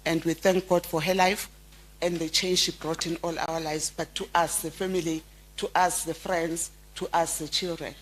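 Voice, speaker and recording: A middle-aged South African woman, a close family friend, giving a heartfelt memorial tribute and telling stories with frequent halting restarts. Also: low-pitched, little pitch movement, a little hiss or hum. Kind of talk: memorial eulogy.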